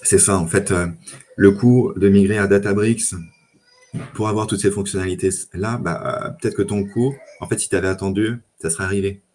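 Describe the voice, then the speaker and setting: Man, very low voice, easygoing tech podcast guest, lots of "euh". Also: moderate pace. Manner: relaxed, many fillers and restarts. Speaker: data engineer guest. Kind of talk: casual tech chat.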